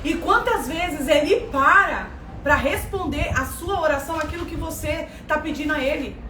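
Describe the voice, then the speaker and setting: A woman's voice: sits high, normal speed, noisy background. A woman with a Brazilian accent giving a preaching lesson, emphatic and repeating phrases for stress. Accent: Brazilian Portuguese. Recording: echoey room from far off, faint ambience.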